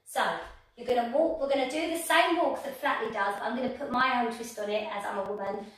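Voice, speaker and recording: A young woman teaching a dance lesson on a livestream, energetic and chatty, counting out steps as she moves. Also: a little high, fairly quick. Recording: echoey room, far from mic.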